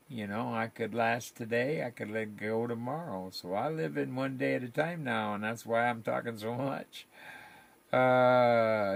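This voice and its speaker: Older man, gravelly voice, folksy rambling stream talk. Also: mid-range voice. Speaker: live streamer. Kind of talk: rambling casual live-stream chat.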